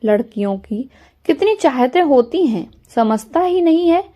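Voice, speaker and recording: A woman's voice: sits high, expressive, a little slow, dark tone. A woman reading a doting older mother-in-law. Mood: affectionate. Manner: affectionate, fussing.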